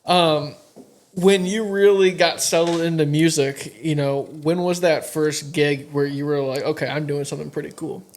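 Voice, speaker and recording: A man from Michigan hosting a podcast, asking questions casually with quick encouraging interjections. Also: a little high, fairly even intonation. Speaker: podcast host. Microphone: podcast studio mic.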